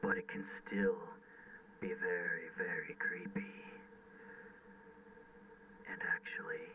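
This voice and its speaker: A man's voice: deep voice, little pitch movement, slow, whispered. Man's voice through a tinny metallic filter. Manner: explains while demonstrating effects. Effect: tinny, metallic filtered voice like inside an astronaut suit. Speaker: audio tutorial maker. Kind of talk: casual tutorial.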